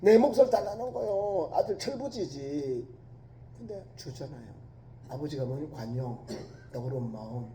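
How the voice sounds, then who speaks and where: A male pastor preaching a sermon, telling a story with emphasis and dropping from loud to hushed. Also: on the high side, expressive, moderate pace, slight background noise. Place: church sanctuary. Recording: echoey church hall.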